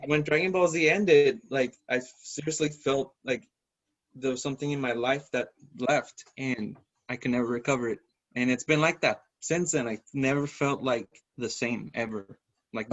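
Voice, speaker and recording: A man hosting a podcast, telling stories in a lively, casual way and swearing freely. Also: mid-range voice, moderate pace, no echo, lo-fi sound. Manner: animated storyteller, swears freely. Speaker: podcast host. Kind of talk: casual chat.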